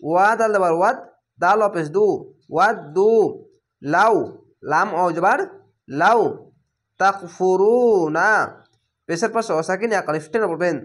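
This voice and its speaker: Slow-spelling Bengali Quran teacher, man. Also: sits high, fairly bright tone. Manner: slow, syllable by syllable, drawn-out vowels. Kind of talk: slow spelled-out recitation lesson.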